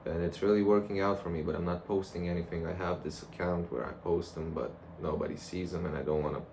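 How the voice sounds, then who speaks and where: A man's voice: deep voice, fairly even intonation, fast talker, darkish tone. A young man rambling casually and reflectively to a camera, in a loose conversational monologue. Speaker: vlogger. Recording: clear background noise.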